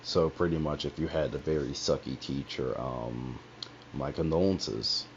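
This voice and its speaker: With a rumbling low voice, a little slow, a young man streaming on a headset tells a personal story in a casual way. He rambles, swears, and wanders into many asides; the audio is dull and lo-fi, with a faint hiss.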